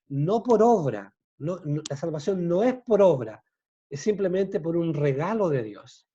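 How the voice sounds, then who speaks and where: Slow, mellow man explaining scripture. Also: high-pitched, slightly rough, muffled recording. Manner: slow, explanatory, often asks "¿ya?". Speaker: Bible teacher. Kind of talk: informal Bible study talk.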